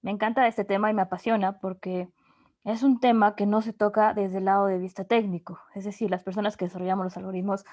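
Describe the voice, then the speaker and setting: A woman's voice: mid-range voice, steady tone, quick pace, mellow. A woman speaking as a panelist in a live online talk, in a friendly, engaged way. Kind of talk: explanatory talk.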